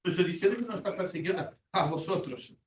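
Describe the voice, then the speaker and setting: A man's voice: high-pitched, fast. A man in his sixties teaching a Bible class in sermon style, emphatic and repetitive, acting out quoted prayers. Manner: emphatic, repeats words, acts out quoted prayers. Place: church classroom. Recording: echoey room from far off with faint hiss.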